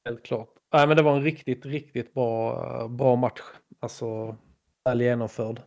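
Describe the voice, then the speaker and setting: A man co-hosting a casual fan podcast, calm and agreeable, backing his partner up with short replies. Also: medium pitch, gravelly, no echo, clean studio sound. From Sweden. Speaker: podcast co-host.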